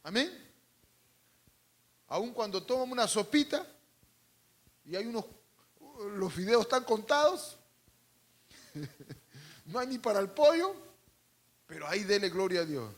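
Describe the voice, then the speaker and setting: A man preaching a sermon to a congregation, calling out for responses, adding humorous asides, and swinging between loud and hushed. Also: sits high, big pitch swings, unhurried, pauses often. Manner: calls out to the congregation and asks for responses. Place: church service.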